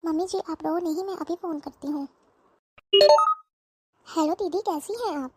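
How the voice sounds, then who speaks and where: A woman's voice: extremely high pitch, normal speed, warm tone, no echo. A woman doing a polite, firm daughter-in-law. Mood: calm lecturing. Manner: polite, lecturing. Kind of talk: cartoon voice acting.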